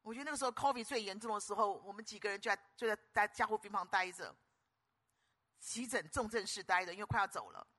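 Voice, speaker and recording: An older woman preaching a sermon, moving between hushed storytelling and loud, rousing calls to the congregation. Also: medium pitch, quick pace. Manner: animated, swings from hushed storytelling to loud exhortation.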